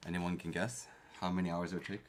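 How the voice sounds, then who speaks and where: Here a young man from Canada, Korean-speaking at home growing up, talks quickly in a low voice with little pitch movement while background noise runs underneath. He reads the live-stream chat aloud in a chatty, playfully defensive way.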